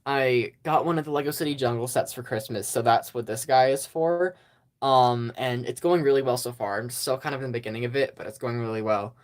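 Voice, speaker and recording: A stop-motion YouTube channel host gives a casual, rambling update, hesitant and full of ums and little laughs as he pokes fun at his own past work. His voice is medium-pitched and a little fast.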